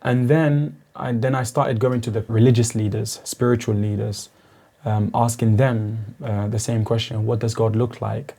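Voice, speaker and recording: A young East African man, a guest on a podcast, recounts his spiritual journey in a reflective personal story. His mid-range voice is dark in tone, with fairly even intonation and a moderate pace. He sounds earnest and searching, gradually building to intensity.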